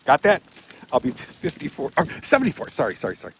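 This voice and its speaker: This Michigan vlogger, a man in his seventies, talks fast while working outdoors on rural land, rambling casually and correcting himself often, recorded on a handheld phone camera. His voice is fairly high and fairly bright, with huge pitch swings and a little hiss or hum.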